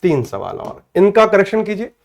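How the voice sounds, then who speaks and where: A man with an Indian accent teaching an online English grammar class, calling students by name, checking they follow, and saying English phrases slowly word by word. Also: high-pitched, sing-song. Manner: addresses students by name, asks "clear?" often; mixes Hindi with slow, spelled-out English.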